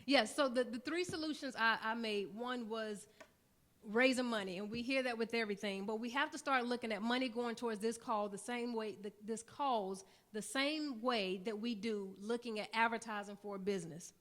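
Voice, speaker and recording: A woman with a fairly high voice speaks on a conference panel, earnest and persuasive. She builds her points up into rousing, repeated lines, and her talk is addressed to a room full of listeners. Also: normal speed, a bit bright.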